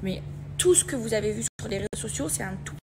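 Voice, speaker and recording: A woman's voice: medium pitch, expressive, fast. A young woman giving an emotional personal account, telling it in a breathless rush with many fillers and repeated words. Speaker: reality TV personality. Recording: noisy background.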